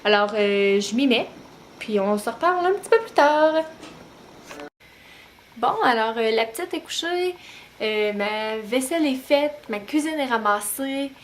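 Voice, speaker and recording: A young woman with a Québécois French accent talking casually to camera at home as a new-mom vlogger, relaxed and full of hesitant pauses. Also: on the high side, slight background noise. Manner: chatty, many "euh" pauses, relaxed. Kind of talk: casual vlog talk to camera. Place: home, bedroom at night.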